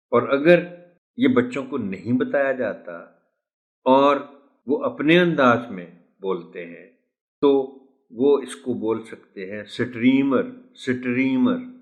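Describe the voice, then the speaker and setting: A man teaching English word pronunciation to teachers, saying each word slowly and repeating it. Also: medium pitch. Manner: slow, deliberate model pronunciations of English words. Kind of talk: pronunciation lesson.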